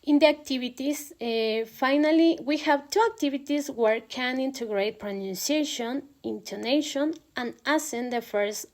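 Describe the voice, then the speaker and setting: A young woman giving a recorded class presentation on teaching pronunciation, pausing often with hesitant "eh" fillers. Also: on the high side, darkish tone. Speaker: student presenter.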